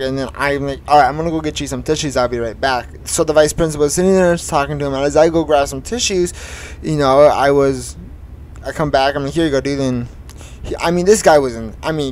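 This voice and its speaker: A teenage gaming streamer with a mid-range voice tells a long school story while playing a truck driving game, rambling casually with many fillers and restarts. The recording is low quality, with a little hiss or hum.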